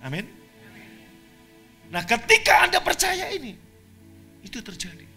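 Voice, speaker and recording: Male pastor, high, very bright tone, preaching with shouted peaks, soft music under the service. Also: big pitch swings. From Indonesia. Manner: preaching with rising shouts and fast asides. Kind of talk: sermon.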